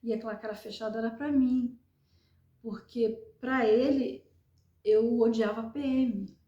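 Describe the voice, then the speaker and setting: A Brazilian woman giving an earnest personal testimony, retelling events in a halting, repetitive way. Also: a little high, steady tone, roomy sound, dull audio. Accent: Brazilian Portuguese. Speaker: survivor telling her story.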